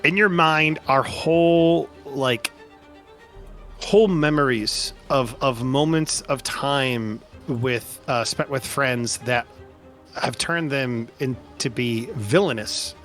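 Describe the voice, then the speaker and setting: A man acting as game master, calling out damage and describing scenes at a slow, deliberate pace. His voice is bright and clear, with frequent pauses and fillers. Faint music runs underneath. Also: mid-range voice. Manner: unhurried, hesitant with fillers. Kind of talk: narrating a tabletop game.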